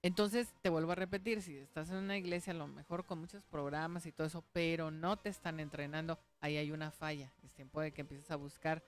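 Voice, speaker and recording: A woman's voice: sits low, fairly even intonation, fairly quick, few pauses. A woman pastor, giving a conversational radio sermon and testimony, earnest, often checking in with her listeners.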